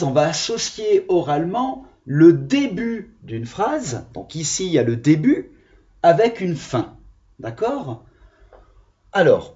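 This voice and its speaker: A man's voice: a little high, warm tone, muffled recording. A man teaching children a reading lesson on video, explaining patiently and expressively. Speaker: primary school teacher.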